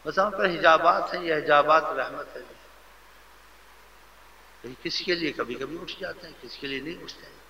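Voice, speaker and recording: A man preaching a devotional sermon with fervent, animated delivery, sometimes mimicking how people speak to others. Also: fairly high pitch, creaky, long pauses, slight background noise. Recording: lo-fi recording with faint ambience.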